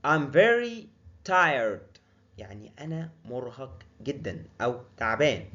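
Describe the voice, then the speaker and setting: Egyptian man, native Arabic speaker, teaching English vocabulary, lively pitch, dull lo-fi audio. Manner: repeats words slowly and clearly, then explains them. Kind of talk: vocabulary lesson.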